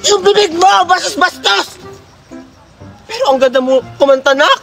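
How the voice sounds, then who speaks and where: A man putting on the voice of a bossy middle-aged woman who hands out gifts to children and scolds them loudly. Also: expressive, moderate pace, gravelly, music in the background, exaggerated voice. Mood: pleased. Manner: scolding, shrill, theatrical.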